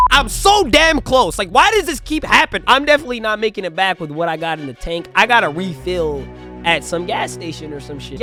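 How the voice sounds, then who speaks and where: Animated young man telling a story over music. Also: high voice. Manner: animated, profane, slangy storytelling. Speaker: storytime vlogger. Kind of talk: casual comedic storytelling. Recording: music playing loudly under the voice. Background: background music.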